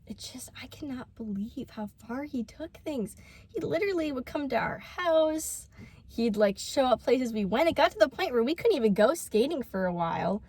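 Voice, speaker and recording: A woman's voice: high voice, animated, moderate pace, a little mellow, slightly rough, dry recording. A young woman telling a story in casual vlog chat, full of fillers. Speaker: vlogger.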